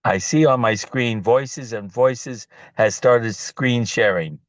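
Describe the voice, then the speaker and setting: A man pitching his bedding product as a guest on a video call, talking in a loose, digressive way. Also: slow, no room sound. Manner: loose, digressive, animated storytelling.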